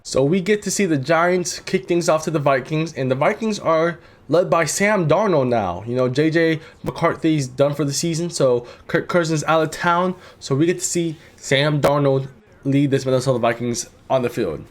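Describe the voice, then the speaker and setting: A young man casually commentating a football video game simulation, laid-back and rambling, swearing freely, with sudden excited jumps. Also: on the high side, normal speed. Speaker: gaming commentator.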